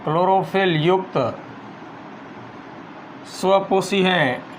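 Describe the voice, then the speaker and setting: A male teacher giving a school biology lesson, slowly dictating notes and repeating phrases for students to write down. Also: high voice, fairly even intonation, slight background noise.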